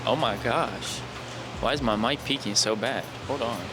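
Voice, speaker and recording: A man's voice: mid-range voice, normal speed, background noise. Man talking through a fuzzy, clipping mic. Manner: rambling, self-mocking, hyped gym talk. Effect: clipping, fuzzy distorted mic. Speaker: fitness vlogger. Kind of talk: casual vlog talk to camera. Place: gym with a loud fan.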